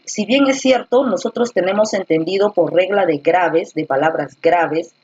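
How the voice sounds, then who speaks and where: A woman teacher with a fairly low, husky voice explains patiently in an online class, slowly repeating words to stress their syllables. The sound is dull and dry, like lo-fi video call audio. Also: a little mellow, no echo. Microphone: computer or headset mic on a video call.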